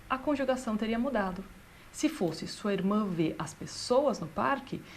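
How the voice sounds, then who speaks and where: A woman, a language teacher patiently explaining grammar and slowing down to read out example sentences. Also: mid-range voice, a little mellow. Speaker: German teacher.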